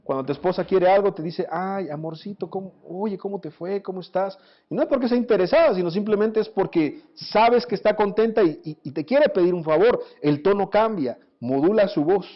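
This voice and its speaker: A pastor preaching a sermon, animated, asking his listeners rhetorical questions. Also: high voice, fairly quick, hardly any pauses. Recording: dull lo-fi recording.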